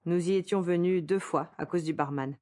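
Calm woman narrating a story. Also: on the low side, normal speed. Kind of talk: literary narration.

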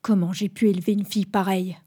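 A woman's voice: medium pitch, little pitch movement, quick pace, dark tone, breathy edge, natural voice. Woman playing a furious, scolding father. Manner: harsh, scolding. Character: furious middle-aged father, shouting.

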